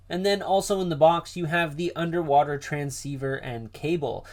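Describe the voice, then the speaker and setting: A man's voice: a little high, darkish tone. A man hosting a product unboxing, explaining gear directly to viewers in a presenter's style. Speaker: host of a diving gear review channel.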